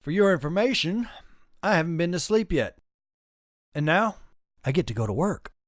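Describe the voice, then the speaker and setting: A man's voice: a little high, sing-song, normal speed, no room sound, studio quality, pitched above the performer's own voice. A man voicing a tired young friend who talks bluntly and curses casually. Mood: blunt, weary.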